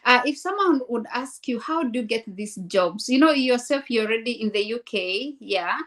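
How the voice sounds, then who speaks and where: Brief: woman host from Kenya, slightly high voice, chatty live-stream interviewer, loose and friendly. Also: animated, moderate pace, fairly bright tone. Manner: friendly, chatty, many fillers. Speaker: host, registered nurse.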